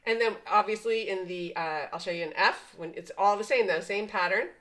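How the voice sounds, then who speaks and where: A woman's voice: mid-range voice, fairly quick, poor audio. A woman teaching piano patterns step by step, patiently explaining and counting the beats aloud. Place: at a piano, indoors. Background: piano playing.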